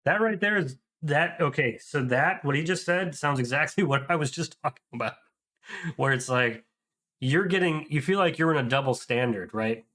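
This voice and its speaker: A man's voice: a little high, normal speed, bright, forceful tone. Hesitant, thinking-aloud male reaction host. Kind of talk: casual commentary.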